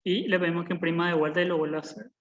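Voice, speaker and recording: This twenty-something programming instructor talks very fast in a high, somewhat bright voice during a live online coding class. The video-call audio is muffled. He stays patient, goes over points more than once, and checks in with "¿verdad?".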